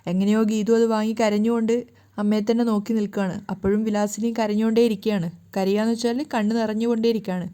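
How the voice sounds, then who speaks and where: Brief: woman storyteller, mellow, plain steady retelling. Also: mid-range voice, fast, clean tone. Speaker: storyteller recapping a serial. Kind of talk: casual story recap narration.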